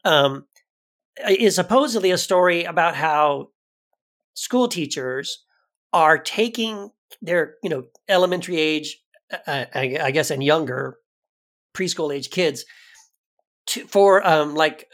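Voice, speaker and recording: A man co-hosting a podcast in casual conversation, animated, his voice jumping high for emphasis. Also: measured pace. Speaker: podcast co-host.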